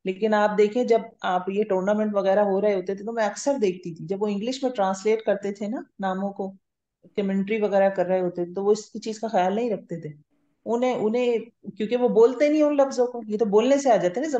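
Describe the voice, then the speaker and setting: A woman teaches a grammar lesson in a warm, mellow voice, patiently taking it step by step and pausing to check that everyone follows. The recording sounds roomy and a little dull and lo-fi. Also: mid-range voice. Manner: patient, explains step by step, often checks understanding. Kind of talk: classroom lecture. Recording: roomy, slightly muffled lo-fi recording.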